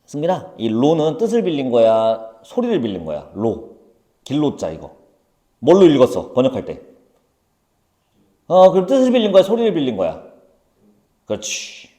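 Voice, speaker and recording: A man teaching a high school Korean class, brisk and teasing, calling on students by name. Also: wildly swooping pitch, mellow. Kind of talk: classroom lecture. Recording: echoey classroom.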